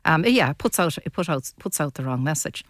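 A woman's voice: low-pitched, expressive, brisk, no echo, studio quality. An older woman with a west of Ireland accent, talking casually and bluntly as a guest on a panel discussion. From Mayo, west of Ireland.

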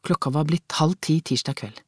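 Calm, measured audiobook narrator, mid-range voice, dry booth recording. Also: mid-range voice, no room sound. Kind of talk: scripted narration of a crime novel.

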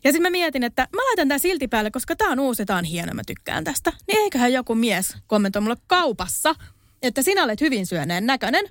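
A woman's voice: high voice, big pitch swings, no echo. A young woman guest in a casual studio chat, talking frankly and getting heated as she tells her stories. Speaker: podcast guest.

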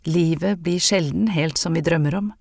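A narrator voicing a refined, hoarse young lady. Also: mid-range voice, darkish tone, dry recording, studio quality. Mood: curious. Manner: polite and refined. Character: genteel young city lady, lonely, with a cough. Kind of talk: audiobook character reading.

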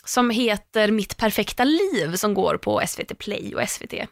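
A woman co-hosting a podcast, chatting casually and telling an animated story, swearing freely. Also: medium pitch, vocal fry, dry recording, clean studio sound. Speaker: podcast co-host. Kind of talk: casual chat.

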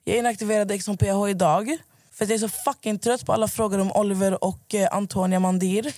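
A hoarse woman hosting a podcast, ranting in casual chat and swearing a lot. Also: medium pitch, fairly even intonation, warm tone, dry recording, clean studio sound. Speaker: podcast host.

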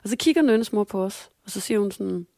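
Danish-speaking woman spinning a story, lively, does the voices, dry close mic. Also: medium pitch, vocal fry, no echo. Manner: animated, acts out quotes with shifting voices. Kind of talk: casual storytelling chat.

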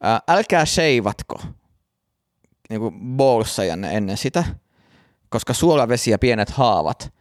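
A man's voice: mid-range voice, no room sound, studio quality. A man co-hosting a casual podcast, telling stories and acting out the people in them. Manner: animated storyteller, acts out shouted quotes. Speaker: podcast co-host. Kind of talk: casual chat.

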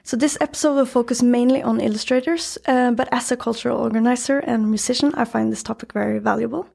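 Female podcast interviewer, Norwegian accent, very gravelly and husky, recorded in a meeting room. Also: on the high side, steady tone, quick pace, a little mellow. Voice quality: husky, creaky.

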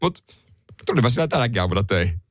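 A man chats on a morning radio show, spinning a story with lively swings in pitch and jumping up high for the punchlines. The studio sound is close and dry. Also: no room sound, faint music behind. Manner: animated storytelling, swings pitch up when retelling. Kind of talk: casual radio chat. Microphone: studio microphone.

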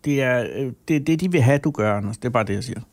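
A man with a Danish accent co-hosting a podcast, making wry, quick quips. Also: medium pitch, lively intonation, a little mellow. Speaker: podcast co-host. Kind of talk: casual chat.

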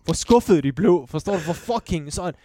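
A man's voice: sits high, animated, mellow, a little hiss or hum. A man in his twenties co-hosting a podcast, rambling through a story and often checking in with his listeners. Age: 20s. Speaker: podcast co-host. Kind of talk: casual chat.

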